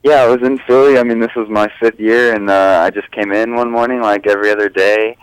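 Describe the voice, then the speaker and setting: A man's voice: on the low side, fairly even intonation, fairly quick, clean tone, dry recording, poor audio. A young man, an athlete giving casual interview answers in an understated, hesitant manner. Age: young adult. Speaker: professional soccer player, interview guest.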